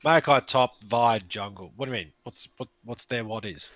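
A man's voice: medium pitch, normal speed, a bit bright, no echo, muffled recording. A man co-commentating a game in casual banter, joking, swearing freely and tripping over his words.

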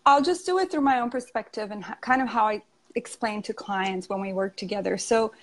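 A woman in her thirties from Romania, speaking with a Romanian accent as a coaching guest on a video call, explaining ideas slowly and thoughtfully with small laughs. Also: mid-range voice, low-quality recording. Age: 30s. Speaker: emotional health coach, guest. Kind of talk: casual interview talk.

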